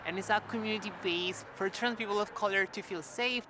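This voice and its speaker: A woman's voice: medium pitch, brisk. A young woman from Colombia, speaking in a documentary interview as a community worker, reflective and searching for words with many fillers. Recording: street noise behind voice.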